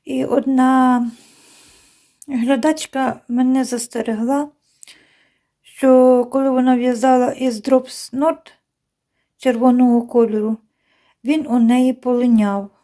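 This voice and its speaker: Mellow-voiced chatty woman vlogger. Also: high voice, level tone. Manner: chatty, unhurried, with many fillers and restarts. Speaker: knitting vlogger. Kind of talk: casual chat to viewers. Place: home, indoors by a window.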